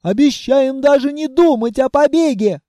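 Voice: high voice, normal speed, mellow, no echo, studio quality, pitched above the performer's own voice, close to an everyday voice. A reader voicing two cowardly lizard-men brothers who wail and beg for mercy in an audiobook. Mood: wailing, begging. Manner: wailing, begging.

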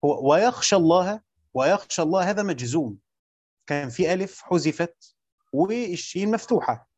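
A man's voice: high voice, lively intonation, normal speed, a little mellow. A man with an Egyptian accent teaching a lesson on Quran commentary, explaining step by step and quizzing his listeners with repeated questions. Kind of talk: classroom lecture on Quran exegesis.

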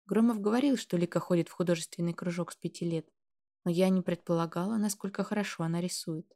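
A woman narrating a story in first person, with gentle, even storytelling. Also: lowish voice, quick pace. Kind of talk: audiobook narration.

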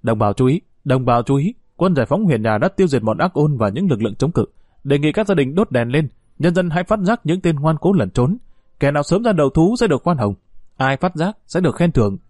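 A man reading the part of a village loudspeaker announcer, declaiming a formal proclamation. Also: fairly high pitch, big pitch swings, a little fast, no echo, studio quality. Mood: proclaiming.

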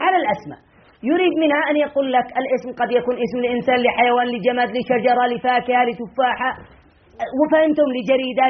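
A man teaching a classroom grammar lesson as a sheikh, questioning his students and repeating key phrases slowly. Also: extremely high pitch. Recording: tinny lo-fi lesson recording.

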